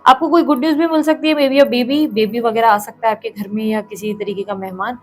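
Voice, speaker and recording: A woman's voice: fairly high pitch, steady tone, fairly quick, faint music behind. A woman tarot reader who speaks straight to the viewer, repeats her points for emphasis and calls on the universe between cards. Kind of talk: tarot reading to camera.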